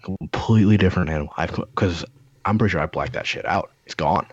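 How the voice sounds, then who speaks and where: A man with a very low voice tells stories in loose, rambling casual chat, full of fillers and swearing. The sound is dry and a little dull and lo-fi, with no room around it. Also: quick pace, breathy edge, no echo. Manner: rambling storyteller, profane, lots of fillers.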